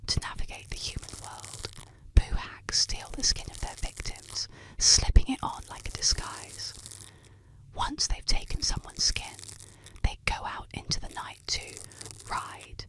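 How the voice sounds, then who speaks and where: A woman narrating a scripted bedtime tale in a hushed, soothing ASMR whisper meant to lull listeners to sleep. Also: measured pace, poor audio.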